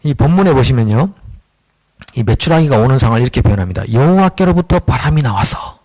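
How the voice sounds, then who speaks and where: A man preaching a Wednesday sermon, animated and conversational, acting out the voices of the figures he talks about. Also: medium pitch, fast. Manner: animated, acts out dialogue with God and Moses; chuckles at himself, conversational. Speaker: pastor.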